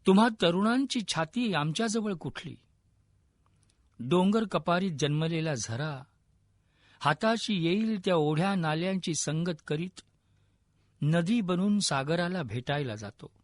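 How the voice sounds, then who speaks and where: A frail old man near death, calm and wise, who speaks in slow, weary, gentle pleas, as a male narrator puts him on. His voice sits fairly high and unhurried, recorded close and dry with no room sound. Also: no echo. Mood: pleading.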